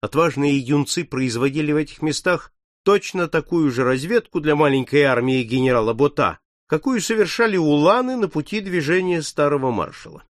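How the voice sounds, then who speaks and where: A man's voice: on the high side, animated, normal speed, few pauses, no echo, clean studio sound. Man narrating an adventure audiobook. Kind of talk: scripted narration.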